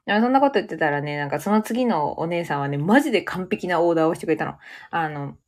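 A chatty woman talks through her day in a casual solo podcast. Her voice sits slightly low but swings widely in pitch, and she animates stories by dropping into English phrases. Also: animated, quick pace, darkish tone. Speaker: podcast host.

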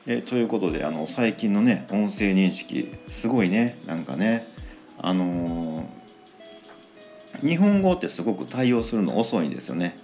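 A man's voice: fairly low pitch, very animated, unhurried, darkish tone, soft background music. A man with a Kansai accent hosting a casual solo talk show, chatting in a rambling way with many fillers. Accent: Kansai Japanese. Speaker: podcast host.

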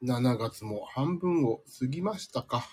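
A man's voice: mid-range voice, animated, unhurried, noisy background. A man hosting a casual live stream from home, chatting with listeners in a sleepy, rambling, self-deprecating way, slightly nasal from a cold. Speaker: livestream host.

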